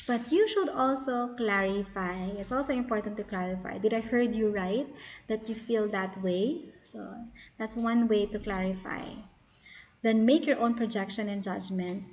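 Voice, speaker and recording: A woman teaching a lesson on spiritual care, explaining step by step with fillers and restarts. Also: medium pitch. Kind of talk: teaching lecture.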